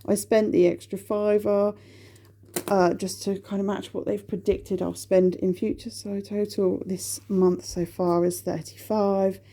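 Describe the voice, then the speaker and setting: A woman from the UK chats through her weekly spending in a casual budget vlog. Her voice is mellow and gravelly with a touch of fry. She works through the figures out loud and stops to correct her own sums. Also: mid-range voice, little pitch movement, unhurried. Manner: chatty, talking through figures and correcting herself. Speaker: budgeting vlogger.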